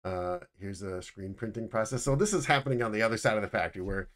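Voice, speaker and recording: Middle-aged guy, deep low voice, walking thru factory photos, lots of restarts. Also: fast, a bit bright. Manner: casual, explanatory, many restarts. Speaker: footwear design instructor. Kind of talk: narrating a factory slideshow. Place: indoors, webcam over slides.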